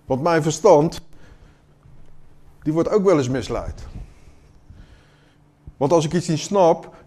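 A man preaching a sermon in an earnest, questioning way, moving between quiet moments and emphatic ones. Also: on the high side.

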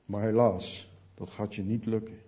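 Male preacher, earnest sermon, dark mellow voice, dull muffled recording. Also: fairly low pitch, steady tone, normal speed, slightly rough. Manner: earnest, preaching to the listener directly.

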